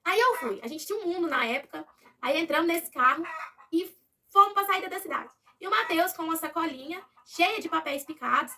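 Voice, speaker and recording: A Brazilian woman telling a personal story to her viewers in a casual, animated way, acting out what others said. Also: extremely high pitch, fairly quick, recorded from a distance.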